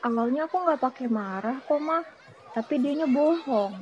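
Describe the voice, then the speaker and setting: A woman's voice: high-pitched, animated, normal speed, a little mellow, a faint crowd, slight background noise. A woman voicing a stubborn young girl who pleads and complains, in a children's cartoon drama. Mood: sulky. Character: young girl wanting her turn, stubborn. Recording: dull lo-fi recording.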